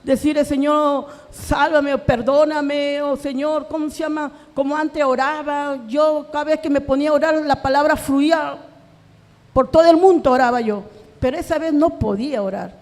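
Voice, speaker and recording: A middle-aged woman from Peru tells her conversion story in a church with a strikingly high voice. She acts out past conversations and grows anguished as she recalls them. A long reverb from the hall trails every line. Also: fairly even intonation, normal speed, darkish tone. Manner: earnest, acts out remembered dialogue, voice rising in anguish. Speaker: church member giving testimony. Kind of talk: emotional personal testimony.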